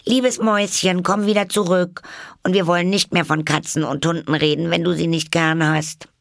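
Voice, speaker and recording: A man's voice: on the low side, animated, a little slow, vocal fry, a bit bright, husky, dry recording, clean studio sound, exaggerated voice. A man voicing an eager, polite little girl in a storybook reading, chattering anxiously and apologizing.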